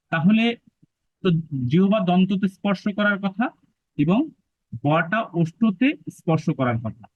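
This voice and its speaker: Guy teaching how to say letters, patient, repeats sounds slow, kinda high voice, tinny phone-ish audio. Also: dry recording. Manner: patient, repeats syllables slowly to demonstrate. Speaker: pronunciation teacher. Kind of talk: explanatory lesson. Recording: dry, phone-like narrow sound.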